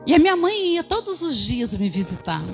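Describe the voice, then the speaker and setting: A woman's voice: high-pitched, big pitch swings, moderate pace, faint music behind. A woman in her fifties giving a church testimony, telling her story and addressing the congregation as brothers.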